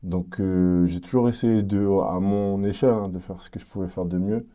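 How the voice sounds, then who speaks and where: Young Guianese man, dark low voice. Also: moderate pace. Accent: French Guianese. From French Guiana. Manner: relaxed, hesitant, many fillers and restarts. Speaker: rapper. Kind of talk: casual interview chat.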